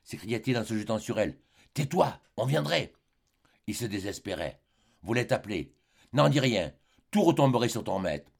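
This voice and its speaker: A man's voice: lowish voice, expressive, darkish tone. Man reading a literary audiobook. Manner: measured and dramatic, with short phrases and pauses. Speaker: audiobook reader.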